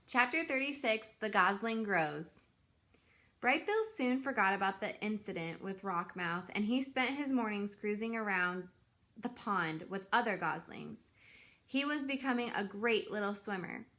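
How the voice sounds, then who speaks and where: A woman with a mid-range voice reads a children's book aloud, telling the story in an expressive, deliberate, dramatic style.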